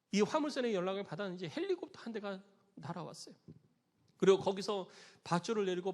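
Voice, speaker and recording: A man preaching a sermon as pastor, telling a parable with emphatic delivery and acting out the quoted voices. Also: long reverb tail. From Korea. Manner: emphatic preaching, acts out quoted voices with raised pitch and volume.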